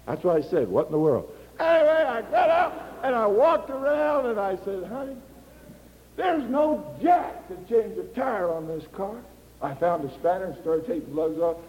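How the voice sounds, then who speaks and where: Animated older man preaching in a hall. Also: high-pitched. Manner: animated storyteller acting out dialogue. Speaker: missionary preacher. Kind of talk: sermon with personal storytelling.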